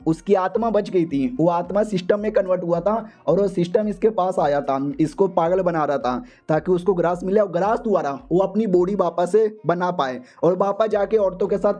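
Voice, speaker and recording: A man's voice: sits high, dark tone. A man narrating a comic story recap in a chatty, slangy, joking way. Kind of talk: casual comedic story recap.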